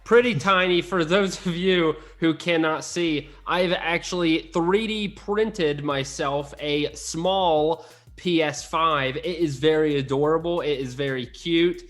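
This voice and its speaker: Excitable young man hosting a podcast. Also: on the high side, slow pace, faint music behind. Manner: excitable, jokey, teasing. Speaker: podcast co-host. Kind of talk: casual podcast banter.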